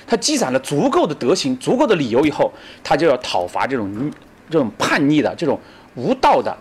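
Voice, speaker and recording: A middle-aged man giving a lively storytelling lecture on ancient history, acting out quoted speech and often asking the audience to agree. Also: a little high, fairly quick, breathy edge. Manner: animated, acts out quoted speech, many fillers like "对吧".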